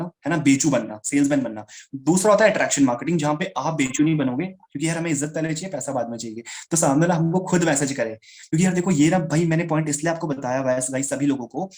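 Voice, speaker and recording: A man leads a live sales training over a video call, talking very fast in a somewhat high voice. He keeps a chatty, brotherly manner, calling his listeners guys and brother as he explains. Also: a little mellow.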